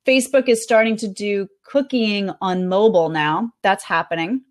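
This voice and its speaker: A woman chatting casually as a podcast guest, recapping conference talks in an animated way with plenty of fillers. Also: mid-range voice, normal speed. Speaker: guest reporting on a marketing conference.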